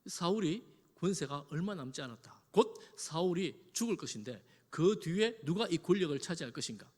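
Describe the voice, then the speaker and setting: A man's voice: on the high side, expressive, normal speed, a little mellow, husky. A male pastor preaching a sermon, dramatically acting out quoted lines with a raised voice. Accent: Korean. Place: large church hall. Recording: long church hall reverb.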